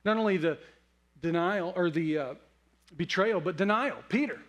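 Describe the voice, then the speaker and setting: This sermon comes from a middle-aged man whose voice is notably high and fairly bright in tone. He preaches in a relaxed, story-driven way, drawing on his own experiences and easing into dramatic pauses to stress important words.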